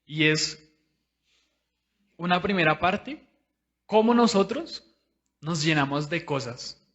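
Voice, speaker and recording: A man's voice: a little high, lively intonation, slow, fairly bright tone, highs cut off. A man preaching a sermon in a conversational, personal way, speaking straight to his listeners.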